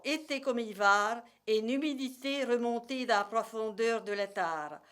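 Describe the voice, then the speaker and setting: Woman storyteller, rural Burgundian Morvan accent, higher-pitched voice, very slow measured delivery of a dialect tale. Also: a bit bright. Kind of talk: storytelling in regional dialect, read aloud.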